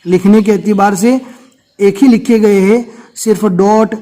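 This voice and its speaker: Male reading teacher with a high voice, patient and repetitive, spelling letters out slowly for beginners. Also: fairly even intonation, dark tone. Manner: repeats each letter several times, patient.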